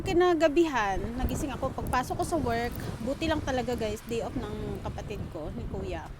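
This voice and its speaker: Chatty high-voiced Filipino woman vlogging. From Philippines. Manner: chatty, addresses viewers as guys, mixes English into Filipino. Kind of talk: casual storytelling vlog. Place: outdoors in the rain, waiting for a train. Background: rain, wind and passing vehicles.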